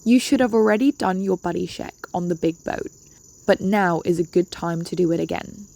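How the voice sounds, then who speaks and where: A woman's voice: fairly low pitch, normal speed, creaky, warm tone. A woman narrating an instructional dive safety briefing, giving polite but firm step-by-step directions.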